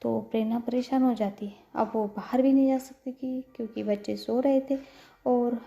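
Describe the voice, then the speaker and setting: A woman's voice: a little high, creaky, mellow, lo-fi sound. A woman narrating a love story in a casual, chatty way, with frequent fillers and self-corrections.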